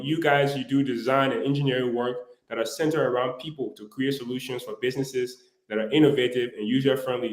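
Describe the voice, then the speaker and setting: A male talk show host leads an interview with an upbeat, encouraging manner. His voice sits at an ordinary pitch, and an echo from the room follows it.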